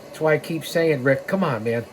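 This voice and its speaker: A sixty-something American podcast host reads aloud and interrupts himself with emphatic, rambling commentary, sidetracks and direct appeals to people. He speaks on the high side at a moderate pace. A little hiss or hum runs under the recording.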